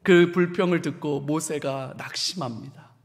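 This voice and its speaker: A high-voiced male pastor preaches a midweek Bible lecture, telling the story with lively humor and dropping now and then to hushed asides. His voice rings through the long reverb of a large church hall. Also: normal speed.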